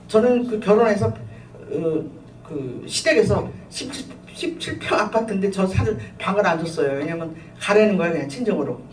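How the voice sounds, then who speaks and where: A middle-aged woman pastor giving a sermon with personal testimony, telling her story in an animated way with frequent laughter and fillers. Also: on the low side. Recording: echoey room, voice from a distance, faint ambient noise.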